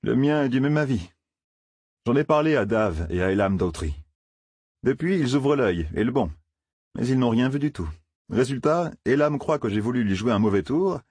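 A man's voice: mid-range voice, a little mellow, husky, no room sound, clean studio sound, voice pushed up. A man voicing a mischievous young village man, eager and chattering.

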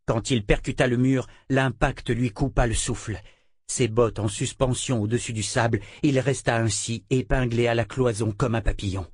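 A man narrating a fantasy audiobook in a measured, dramatic storytelling manner. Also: mid-range voice, fairly even intonation, slightly rough, no room sound, clean studio sound.

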